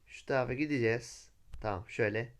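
A young man with a Turkish accent giving casual, excitable commentary while playing a video game, whooping loudly at stunts. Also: medium pitch, quick pace. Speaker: gameplay YouTuber.

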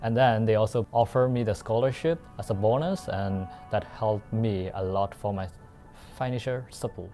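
A student from Myanmar speaks carefully in a promotional video. His voice is low and mellow. Soft music plays in the background. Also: normal speed. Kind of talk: promotional testimonial.

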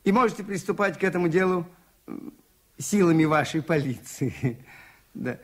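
In a 1980s Soviet radio drama, an actor with a fairly high male voice plays a shrewd, calm priest detective. He speaks in a measured, polite and formal way, quietly insistent.

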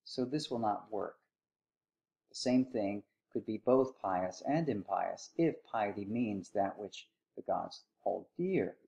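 A man giving a recorded philosophy lecture, telling the story in a lively way and acting out quotes with sarcasm. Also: lowish voice, takes it slowly, vocal fry, dull audio.

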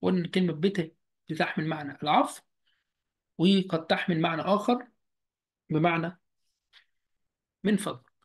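Egyptian man slowly teaching German. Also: a little high, steady tone, slightly rough. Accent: Egyptian Arabic. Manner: slow, repeats each word deliberately. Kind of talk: online language lesson. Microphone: video call.

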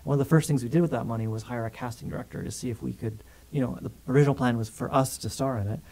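A Canadian man in his thirties with a mid-range voice talks very fast as a filmmaker guest in a casual interview. Speaking animatedly into a studio condenser mic on a stand, he gestures a lot with his hands in a small studio with a grey backdrop.

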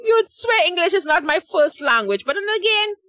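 Speaking at a moderate pace in a very high, sharp and highly animated voice, a middle-aged Trinidadian woman runs a reaction channel. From her small, dark home studio with a big studio mic and headphones, she chats easily with viewers and laughs at her own mistakes.

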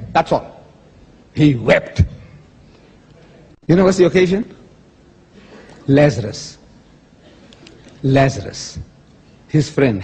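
A man's voice: medium pitch, dark tone. A man giving a public debate speech, emphatic and repetitive, quoting scripture to make his points. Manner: emphatic, repeats key phrases, cites scripture. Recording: echoey hall reverb.

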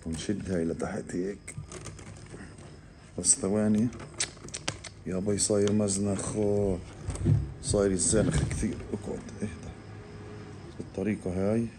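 A man, casually explaining to viewers while calmly coaxing an animal, often in a hushed voice. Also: low voice, normal speed, long pauses, noisy background. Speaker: reptile keeper vlogger. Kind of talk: casual handheld animal vlog.

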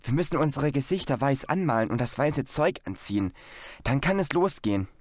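A man's voice: medium pitch, animated, a little fast, dry recording, clean studio sound, lightly acted. A man voicing a keen, bossy boy who leads a gang of children, in a storybook reading, commanding and urgent.

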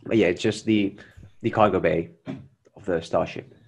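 A young man with a fairly low voice takes questions after his talk over a video call. He answers earnestly but haltingly, full of "uh" and "um" and restarted phrases. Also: fairly even intonation, vocal fry, husky. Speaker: presenter of a Mars mission plan. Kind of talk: conference Q&A answers.

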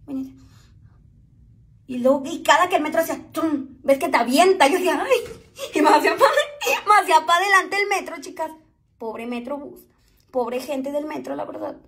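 High-pitched mexican woman doing her makeup on a live, joking around and gossiping with the chicas. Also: normal speed, long pauses, fairly bright tone. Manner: chatty, joking, calls viewers "chicas". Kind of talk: casual chat to viewers.

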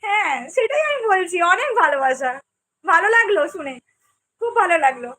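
A woman's voice: extremely high pitch, sing-song, a little fast, bright, forceful tone. A young woman from Medinipur who hosts a cooking channel, chatting casually on a livestream, reading out viewer comments and answering each viewer by name. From Medinipur, West Bengal, India.

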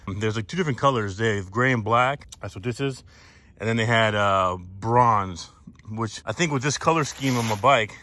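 A man's voice: fairly low pitch, pushed and bright. A man outdoors on a wooded trail, casually reviewing his bike parts, rambling with lots of fillers and restarts, recorded on an action camera. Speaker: mountain bike vlogger.

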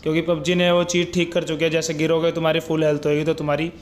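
Faint music sits behind a young man's casual gameplay commentary for his gaming YouTube channel, in which he speaks straight to viewers and keeps dropping "guys" and "bhai." His voice is on the high side, monotone and quick.

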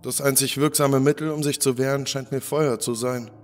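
A man's voice: mid-range voice, fairly even intonation, normal speed, soft background music, voice pushed up, close to an everyday voice. A man voicing a brilliant, irritable male doctor who explains things precisely in a lecturing way, in a spoken horror story.

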